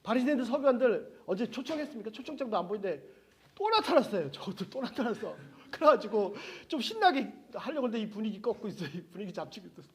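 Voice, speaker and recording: A man with a high-pitched voice preaches as a Bible teacher. He is lively and often chuckles, and he slips into the voices of the people in the passage he is explaining. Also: fast. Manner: animated, acts out quoted voices, chuckles often. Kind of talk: sermon.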